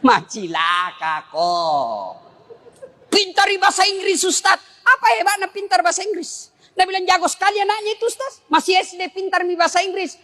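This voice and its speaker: A man delivers a humorous sermon with a bright, cutting tone, leaping between high and low voices. He throws rhetorical questions at his listeners. His voice rings through the long reverb of a large hall. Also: fairly even intonation, quick pace, few pauses. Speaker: Islamic preacher.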